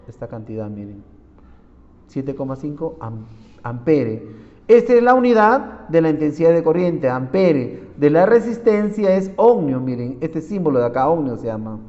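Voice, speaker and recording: A man's voice: on the high side, big pitch swings, normal speed. A man teaching a physics lesson, working through problems and quizzing his students as he goes. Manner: keeps saying "miren", quizzing students. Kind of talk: classroom lecture solving problems. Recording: dull audio with long reverb.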